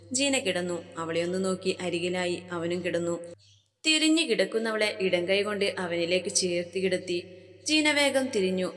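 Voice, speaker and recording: A woman calmly reading a romance novel aloud as narrator. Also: lowish voice, big-room sound. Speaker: story narrator.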